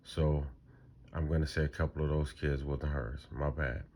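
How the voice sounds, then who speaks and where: A man's voice: very deep voice, flat delivery, normal speed, a little mellow, slight background noise. A man hosting a reaction channel, talking casually and in disbelief about a clip he is watching. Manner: incredulous, repetitive, conversational.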